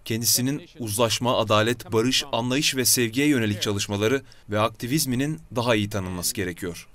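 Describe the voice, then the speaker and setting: A man's voice: medium pitch, a little fast, fairly bright tone. A man reads a formal scripted translation as a voice-over.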